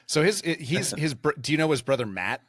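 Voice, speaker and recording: A man hosting a casual podcast, rambling and excitable, with lots of fillers. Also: fairly high pitch, a little fast, slightly rough. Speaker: podcast host.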